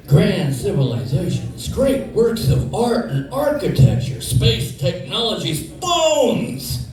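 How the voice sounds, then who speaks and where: A man's voice: a little high, darkish tone. A man telling a comedic story in a profane, exasperated rant, recorded far from the mic in a very echoey room.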